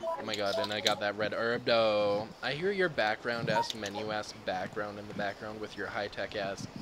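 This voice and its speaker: A man giving casual, jokey gameplay commentary on his own microphone, swearing freely and talking in animated bursts. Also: fairly low pitch, normal speed, background noise. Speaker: gaming commentator. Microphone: own desk microphone.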